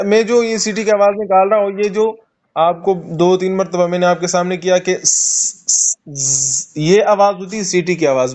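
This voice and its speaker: A man teaching Quran recitation in an online class, patiently repeating and sounding out letters slowly for a student, with a Pakistani Urdu accent. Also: sits high, a little mellow. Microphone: online call.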